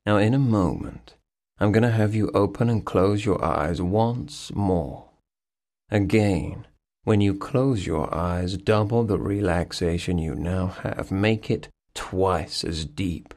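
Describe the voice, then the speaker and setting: Slow, low-voiced male hypnotist. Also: a little mellow. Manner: slow, soothing, repetitive suggestions. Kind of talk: guided hypnosis session.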